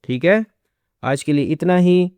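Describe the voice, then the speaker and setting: A man's voice: a little high, darkish tone, clear, resonant tone, dry recording, studio quality. A man teaching Quran recitation, spelling out letters and vowel marks and drawing out each recited word. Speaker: Quran tutor. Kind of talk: slow word-by-word recitation lesson.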